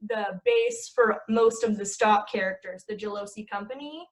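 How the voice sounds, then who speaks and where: An actress in her twenties, guesting on a podcast, chats casually at a moderate pace in a medium-pitched voice, recorded at low quality. She laughs easily and uses "like" and other filler words constantly.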